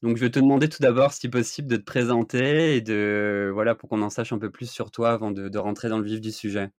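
A man's voice: fairly low pitch, steady tone, fast talker, no echo, studio quality. A man hosting a travel podcast, reading a scripted intro then asking questions. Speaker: podcast host. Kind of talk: podcast interview.

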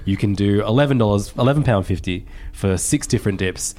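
A man's voice: fairly low pitch, a little fast, a little mellow. Wry Australian man hosting a podcast. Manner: wry, swears casually. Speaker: podcast host. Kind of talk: casual chat.

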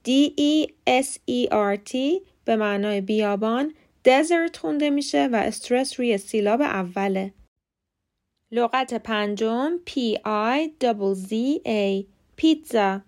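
A woman hosting a short podcast lesson on English pronunciation, reading from a script and slowly spelling words out letter by letter; her first language is Persian. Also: on the high side.

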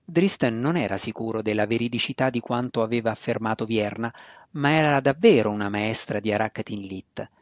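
A man reading a fantasy novel aloud as audiobook narrator, in a measured storytelling voice. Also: lowish voice, dry recording.

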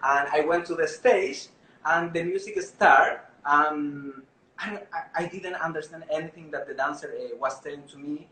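Chilean man telling a lively story. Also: fairly high pitch, moderate pace, roomy sound, a little hiss or hum, low-quality recording. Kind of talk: live storytelling to an audience.

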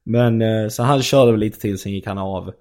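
A man's voice: on the low side, a little mellow. Rambling young man telling stories. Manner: rambling, lots of fillers. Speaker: stand-up comedian. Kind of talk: casual storytelling chat.

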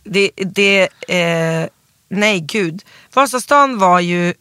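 A man's voice: high-pitched, pushed and bright, clean tone, no room sound, clean studio sound. A man, a guest singer telling rambling, self-interrupting stories in a casual interview. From Sweden.

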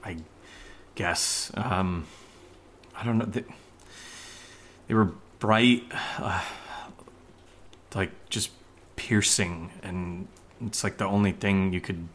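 An actor with a low-sitting, fairly bright voice plays a nervous young man in a horror audio drama, stumbling and rambling through a creepy story with many fillers and stammers. A little hiss or hum is audible.

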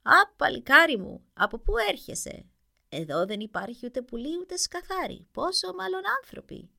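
A woman voicing an old witch who warns a young traveller, in a high quavering voice. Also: big pitch swings, vocal fry, bright, forceful tone, exaggerated voice. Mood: warning.

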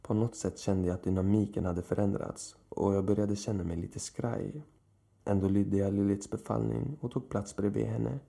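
A man telling a scripted horror story in the first person, in a slow, measured way. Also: fairly low pitch, steady tone, vocal fry, warm tone. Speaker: narrator.

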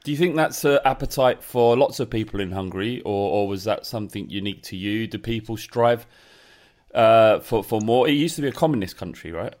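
Hesitant low-voiced male host. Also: darkish tone. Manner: hesitant, halting questions. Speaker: podcast host. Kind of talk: interviewing a guest.

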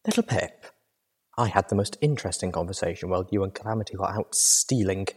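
A man voicing a refined young mare who is a singer and medic, speaking softly and in a measured way in an audiobook. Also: low-pitched, breathy edge. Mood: calm.

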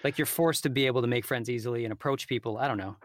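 A man's voice: mid-range voice, racing, no room sound, studio quality. A man hosting an interview, asking curious questions in a chatty, loose way. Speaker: podcast host.

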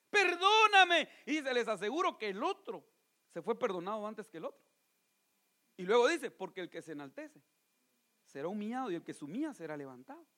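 A man preaching a sermon, moving between loud pleading appeals and hushed asides, often calling his listeners brother. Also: extremely high pitch. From Guatemala.

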